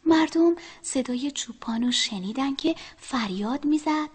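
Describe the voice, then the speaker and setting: A woman telling a children's story, speaking to the children and often dropping to a soft whisper. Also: high-pitched, expressive.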